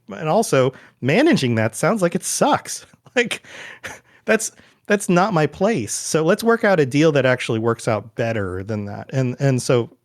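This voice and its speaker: Man, podcast guest, casual interview chat, relaxed, talkative, lots of filler words. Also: medium pitch. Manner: relaxed and chatty, with many fillers and quoted asides. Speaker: guest, podcast network founder.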